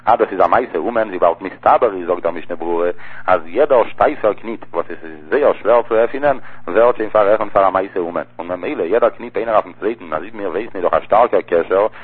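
A man's voice: lowish voice, quick pace, slightly rough. A man teaching a religious law lesson, explaining by repeating key phrases over and over. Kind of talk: text-study lesson. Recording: tinny phone-like recording.

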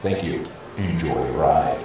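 A man voicing an adult male amusement-ride announcer who gives formal, polite safety announcements over an outdoor loudspeaker. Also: extremely low pitch, measured pace, a crowd in the background. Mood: routine announcing. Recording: echoey, distant loudspeaker sound.

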